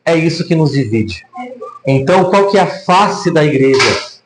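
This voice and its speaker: A man's voice: on the high side, animated, moderate pace, noisy background. A man with a Brazilian Portuguese accent preaching a sermon, telling a story animatedly with many rhetorical questions, in a church hall. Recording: echoey room.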